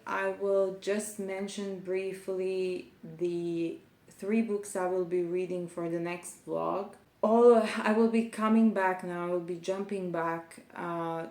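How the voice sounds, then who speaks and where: Slow, thoughtful young woman in an echoey room. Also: on the low side, a little mellow. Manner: thoughtful, measured, with many pauses and restarts. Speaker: book vlogger. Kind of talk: casual book review.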